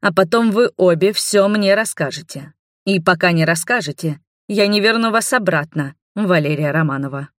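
A woman's voice: on the low side, animated, moderate pace, no echo, studio quality, natural voice. A woman voicing an imperious noble mother who insists on answers in a commanding tone. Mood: insistent.

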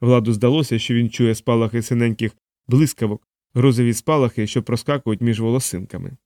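Male audiobook narrator, steady and even, mid-pitched voice, dry close studio mic. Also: a little fast, no echo. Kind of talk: scripted narration.

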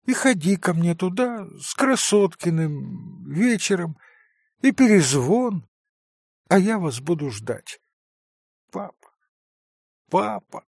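A frail, gravely ill boy with a soft, breathy, high voice that wavers and pleads, as a man reads him aloud in an audiobook. The voice stays husky and close, with a dry, roomless sound. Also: very animated, slow, pauses often, no room sound, exaggerated voice. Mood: pleading tearful.

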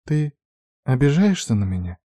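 A man voicing a shy, playful young red-haired girl with a high girlish voice, timid and sweet. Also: big pitch swings, normal speed, dark tone, no room sound.

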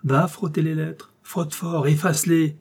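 A man voicing a stern, commanding general in an audiobook, barking orders loudly and emphatically. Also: on the high side, level tone, a little slow, breathy edge, pitched above the performer's own voice. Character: stern commanding male general, gruff and mocking. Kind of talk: audiobook character voice.

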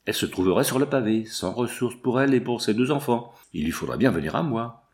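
A man's voice: mid-range voice, animated, quick pace, darkish tone, lightly acted. A man voicing a greedy, scheming foreman in an audiobook, brooding and muttering.

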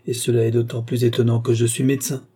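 Stubborn quirky old-school doctor read by a guy, dark husky voice, kinda insistent. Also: mid-range voice, level tone, fast, close to an everyday voice. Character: eccentric male doctor, stubborn believer in ghosts.

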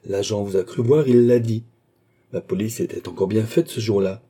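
A man's voice: on the low side, moderate pace, warm tone, husky. A man reading an audiobook, voicing a suave male police chief who speaks with polite, smug deference.

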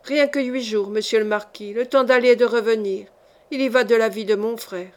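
A woman's voice: a little high, steady tone, normal speed, lightly acted. A woman voicing a devoted young man, an elder brother, who speaks politely but firmly in a storybook reading.

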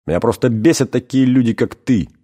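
A man voicing a calm male angel with a dry, delicate wit in an audiobook reading. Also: medium pitch, a little fast, voice pushed up, natural voice.

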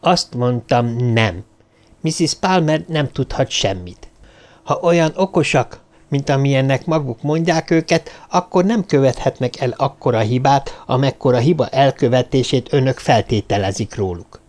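A man's voice: medium pitch, darkish tone, voice pushed up, close to an everyday voice. A man voicing a resolute, decisive Englishman in an audiobook, speaking firmly. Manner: firm, decisive.

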